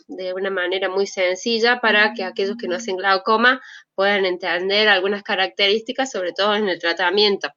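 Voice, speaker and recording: An Argentine woman gives a medical lecture online in a conversational manner. Her voice is bright and sharp at a middling pitch. The sound is a little dull, as on a video call.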